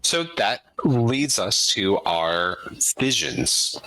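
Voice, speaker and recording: A man's voice: on the low side, lively intonation, drawn-out words, pushed and bright, a little hiss or hum, low-quality recording. A man narrating a tabletop game as game master, improvising descriptions and explaining things to the players.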